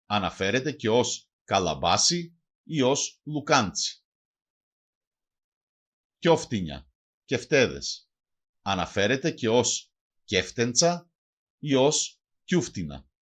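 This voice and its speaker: Guy narrating a vocab lesson, reads a word then its translation, pretty lively up-and-down voice. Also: medium pitch, husky. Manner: reads words, then gives each translation, in measured teaching cadence. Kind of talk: scripted bilingual lesson narration.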